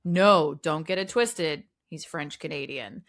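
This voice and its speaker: A woman's voice: low-pitched, unhurried, fairly bright tone. A woman co-hosting a film podcast, chatting casually, swearing freely and joking at her own expense. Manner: profane, self-deprecating, chatty. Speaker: podcast co-host.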